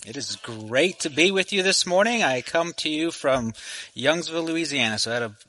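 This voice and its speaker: A man's voice: fairly high pitch, animated, normal speed, bright, forceful tone, low-quality recording. A man in his forties from Texas, preaching a sermon to a church congregation in a friendly, conversational way with many restarts. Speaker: guest preacher. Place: church sanctuary. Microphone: microphone.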